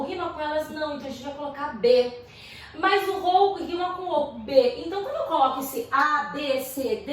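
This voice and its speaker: Brazilian Portuguese accent, young woman, literature teacher, high voice, playful, slangy, echoey room, off-mic. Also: far from the mic, slight background noise. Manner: chatty, slangy, with playful asides. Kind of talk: casual video lesson.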